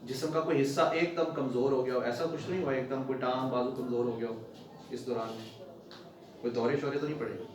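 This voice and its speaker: A male doctor examining a patient at the bedside, gently coaxing and repeating his instructions and praising the patient. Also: medium pitch, steady tone, a little fast. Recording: very echoey ward, distant, crowd behind.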